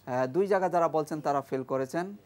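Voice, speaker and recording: A man's voice: on the high side, fast talker, a little mellow. Bangladeshi bengali guy teaching kids quran on a tv show, drills sounds over and over, lots of praise. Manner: quizzing pupils, praising answers, drilling pronunciation for repetition. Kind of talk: studio quiz lesson with a class. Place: TV studio with pupils and audience.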